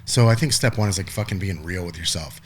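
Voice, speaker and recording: A deep-voiced man in his forties talks fast and casually as a guest on a podcast, slight background noise audible. He rambles, keeps restarting his sentences, and lets the odd swear word slip.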